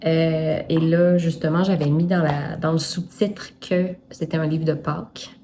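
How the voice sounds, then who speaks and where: Quebec French woman, lowish voice, chatty vlogger showing her books to camera, faint background hum. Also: level tone, a little slow, warm tone. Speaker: self-published children's book creator. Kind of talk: casual vlog talk to camera.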